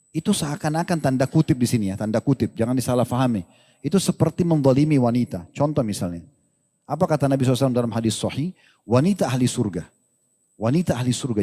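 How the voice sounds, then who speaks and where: A male Islamic preacher giving a casual lecture, lively and joking, with colloquial slang and rhetorical questions. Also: medium pitch, long reverb tail.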